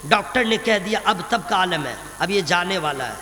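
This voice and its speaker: A man preaching a fiery sermon to a crowd, swinging from quiet talk to loud shouting and calling on the listeners to respond. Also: high voice, lively intonation, moderate pace. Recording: long reverb from a big echoey venue.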